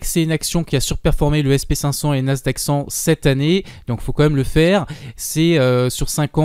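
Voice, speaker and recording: A man's voice: fairly high pitch, a little mellow, clear, resonant tone, dry recording, studio quality. A man hosting his own investing channel, walking viewers through a stock in casual screen-share commentary with plenty of fillers and asides. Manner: informal, many fillers and asides.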